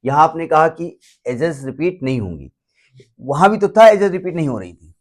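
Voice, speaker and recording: A man's voice: on the high side, expressive, normal speed. A man teaching a maths class in a chatty way, repeating key points, mixing English terms into his explanations and checking that students follow. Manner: stops often to check that students understand. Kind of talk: classroom lecture.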